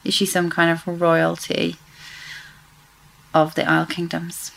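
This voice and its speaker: A woman's voice: fairly low pitch, monotone, unhurried, vocal fry, a bit bright, poor audio. A woman co-hosting a casual book discussion, chatty and speculative, often correcting herself mid-sentence. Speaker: podcast co-host.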